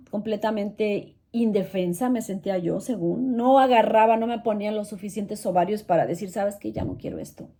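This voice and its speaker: In a mellow, mid-range voice, a middle-aged channel host recounts a painful chapter of her life. The testimony is earnest and pained, and she frequently repeats herself.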